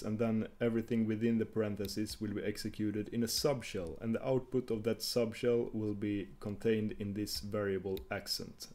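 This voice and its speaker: A man's voice: fairly low pitch, a little mellow. Hesitant man explaining code with fillers. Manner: hesitant, many fillers and restarts while typing. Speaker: tutorial host. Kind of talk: screencast coding tutorial.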